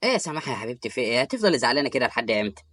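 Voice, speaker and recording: A performer with an Egyptian Arabic accent voicing an affectionate, patient young husband in an animated story. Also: female voice, a bass voice, no echo, clean studio sound, exaggerated voice. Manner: warm-hearted, rapid.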